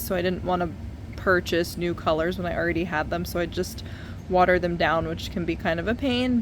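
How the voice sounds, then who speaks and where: A woman's voice: fairly low pitch, a bit bright, a little hiss or hum. A woman in her thirties giving a casual, chatty painting tutorial from a basement, recorded far from the mic without a proper microphone. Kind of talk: casual hands-on tutorial talk. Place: basement studio, indoors. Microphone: no external microphone, camera at a distance.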